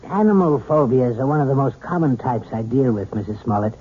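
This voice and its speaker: A man playing a calm, frank hypnotherapist in 1970s radio drama style, polite and professional. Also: mid-range voice, a little fast, a little hiss or hum, close to an everyday voice. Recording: tinny, band-limited old radio broadcast.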